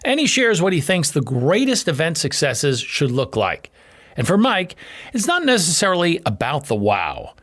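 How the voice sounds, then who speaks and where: Male comedian host, scripted intro, teasing and self-mocking, bright animated delivery. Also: fairly high pitch, normal speed. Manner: playful, jokey and self-mocking. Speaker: podcast host, comedian and event MC.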